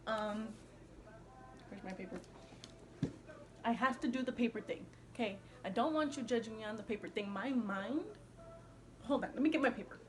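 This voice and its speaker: A woman's voice: fairly high pitch, moderate pace, pauses often. Woman vlogger with slight retainer lisp, noisy background. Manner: slangy, sweary, animated self-interrupting delivery. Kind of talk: casual, rambling chat to camera.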